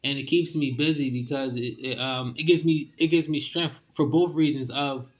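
A young man talking casually and openly, full of informal slang and halting restarts. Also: mid-range voice, steady tone. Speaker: guest. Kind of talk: casual heartfelt conversation.

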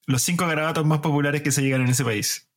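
Curious co-host in casual chat who asks the questions. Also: male voice, on the high side, steady tone, fast talker.

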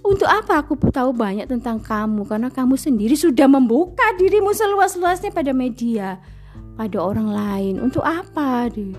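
A middle-aged woman, giving a self-mocking, animated confessional monologue about her own experiences. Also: high voice, moderate pace, soft background music. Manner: self-mocking, animated, mimics other people's voices. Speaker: speaker sharing personal experience.

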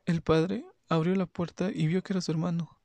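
A man reading his own story aloud in a plain, steady narration. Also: on the high side, moderate pace, gravelly, no echo.

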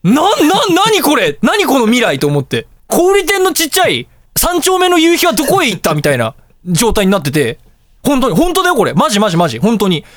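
Telling stories on his laid-back radio talk show, this host acts out the dialogue and reactions with lots of animation. He has an extremely high-pitched voice and a brisk delivery, captured at studio quality with no room sound.

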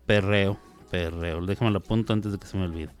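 A man's voice: lowish voice, racing, darkish tone. A Mexican man in his fifties hosting a radio show, rambling and playful in casual chat, correcting himself as he goes. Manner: chatty, digressive, playful, self-correcting. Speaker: radio host. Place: radio studio.

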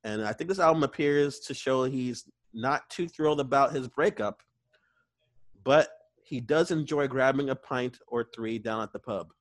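A man's voice: medium pitch, moderate pace, no room sound. A man hosting a casual album review, chatty and profane, laughing between remarks. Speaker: album reviewer and show host. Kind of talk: casual music review chat.

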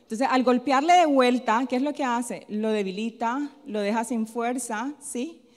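A woman preaching a sermon who keeps asking questions, answers them herself and tags her lines with a quick "¿sí?". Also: on the high side. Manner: tells a personal story in a softer, chatty tone. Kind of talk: sermon with call-and-response questions. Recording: long hall reverb.

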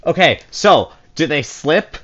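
Woman, low pitch, casual hesitant player, lo-fi muffled sound. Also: animated, takes it slowly. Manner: casual, hesitant, thinking aloud. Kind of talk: tabletop game play. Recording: dull lo-fi audio.

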